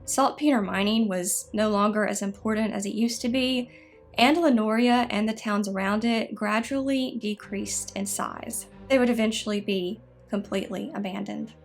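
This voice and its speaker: A woman tells spooky history as a scripted narrator. Her voice sits at an average pitch for a woman. She keeps a measured, explanatory delivery, with faint music playing behind her. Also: gravelly. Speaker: narrator of a haunted history show.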